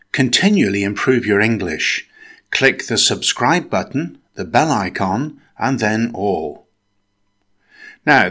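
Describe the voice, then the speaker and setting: A man teaching English pronunciation in a slow, deliberate way, with every syllable clearly set apart. His tone is bright and crisp, and his pitch moves up and down a lot as he explains. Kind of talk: scripted instructional narration.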